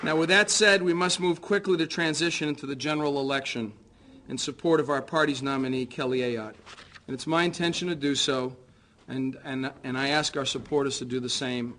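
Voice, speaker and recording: An American man who is a political candidate delivers a prepared concession speech in a formal, measured, earnest way. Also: medium pitch, fairly even intonation, a bit bright.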